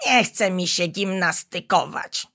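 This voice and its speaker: A woman's voice: fairly low pitch, measured pace, sharp tone. A woman voicing a lazy, grumpy young male tiger cub who grumbles unwillingly.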